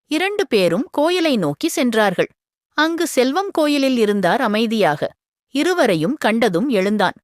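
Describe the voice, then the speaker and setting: A woman's voice: a little high, very animated, measured pace, dry recording, studio quality. A woman reading a family story aloud, telling it expressively. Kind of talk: scripted narration.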